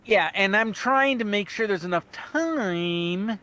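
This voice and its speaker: A man's voice: high voice, expressive, slow pace, pushed and bright. A man playing a tabletop game, casually describing his character's moves in a rambling, joking way. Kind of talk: casual role-play chat, describing his character's actions.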